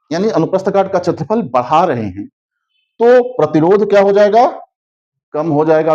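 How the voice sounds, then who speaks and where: A man with a Hindi accent teaches a classroom physics lesson in a high, animated voice that swoops up and down. He keeps checking with his students and drags out key terms slowly. The audio is slightly dull and lo-fi. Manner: repetitive, constantly asks "है ना?" checking understanding; slows down to spell out key terms.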